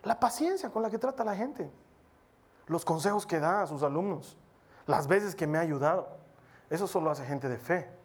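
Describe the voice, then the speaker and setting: A male preacher voicing an earnest young female university student who asks him a question with quiet admiration. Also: a little high, animated, normal speed, slightly rough.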